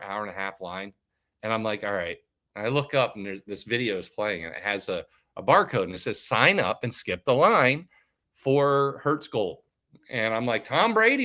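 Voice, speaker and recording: Bright-voiced man telling a story. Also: medium pitch. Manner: animated, acts out other people's lines. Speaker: finance YouTuber. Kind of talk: casual storytelling to camera.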